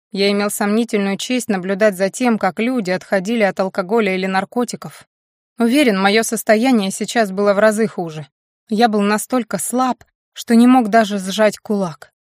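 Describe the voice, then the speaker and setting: A woman's voice: medium pitch, no echo. Woman narrating an audiobook, dry sound.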